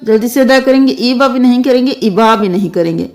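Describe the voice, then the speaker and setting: A woman teaching Quran recitation, chanting verses melodically and explaining the rules. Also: darkish tone. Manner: slow melodic recitation alternating with quick lower explanations. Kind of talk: tajweed lesson, slow recitation with explanations.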